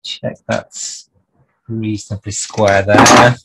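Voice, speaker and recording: A man's voice: lowish voice, flat delivery, slow, heavy background noise. A man hosting a clock repair livestream from his workshop bench, chatting through the work with dry jokes and lots of hesitations.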